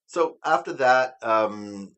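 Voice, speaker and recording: Canadian male podcast co-host, mid-pitched and lively, deadpan cussing humor. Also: slow pace. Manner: deadpan jokes, swearing. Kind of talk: casual chat.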